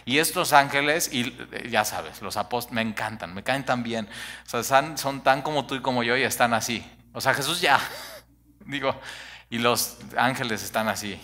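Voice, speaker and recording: A man preaching a sermon, animated and conversational, full of rhetorical questions. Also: mid-range voice. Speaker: pastor.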